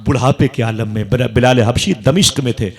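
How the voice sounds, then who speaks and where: A man preaching a Urdu-language religious sermon with an Indian accent, telling a story dramatically at a live gathering with fervent exclamations and drawn-out sighs. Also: medium pitch, a little mellow.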